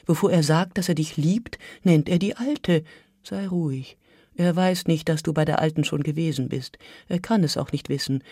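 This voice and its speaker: A voice of ordinary middle pitch reads a literary text with measured intensity. It sinks into near-whispers and then swells into urgent passages. The recording is dry and close, with no room echo. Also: slightly rough. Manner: measured and intense, dropping to a hush and rising to urgent outbursts. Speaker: reader. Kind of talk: literary reading.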